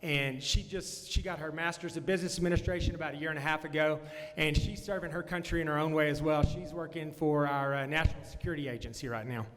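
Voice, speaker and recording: A man's voice: a little high, fairly even intonation, fast, a bit bright, slight background noise. A man, giving a folksy campaign speech at a candidate forum, full of "uh" fillers. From Texas Panhandle. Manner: folksy, frequent "uh" fillers and restarts. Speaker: congressional candidate. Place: meeting room at a candidate forum. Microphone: handheld or podium mic. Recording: long hall reverb from a room PA.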